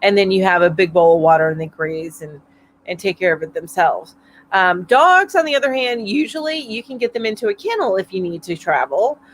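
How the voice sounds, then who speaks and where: A middle-aged woman hosts her weekly live-stream chat from home in a mountain area, reading viewer comments aloud, a little stuffy from allergies. Her medium-pitched voice is animated and brisk, with slight background noise. She chats and rambles, laughing and using fillers often.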